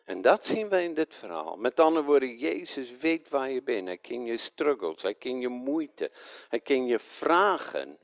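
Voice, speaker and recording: Male preacher, lively pitch, slow deliberate delivery, dry close sound, rhetorical questions. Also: dry recording. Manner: animated, rhetorical questions to the congregation; stumbles over names, self-corrects. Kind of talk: sermon.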